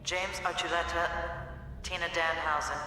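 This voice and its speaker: School intercom announcements. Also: male voice, on the high side, level tone, moderate pace, bright, forceful tone, faint music behind. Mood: formal. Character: man reading school announcements. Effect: over a school intercom. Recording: echoey distant hallway with crowd.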